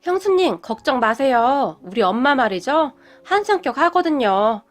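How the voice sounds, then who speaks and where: A man's voice: very high voice, very animated, moderate pace, fairly bright tone, soft background music, exaggerated voice. A woman voicing a playful young adult brother-in-law who jokes about his mother. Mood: teasing. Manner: playful, joking, exclaiming.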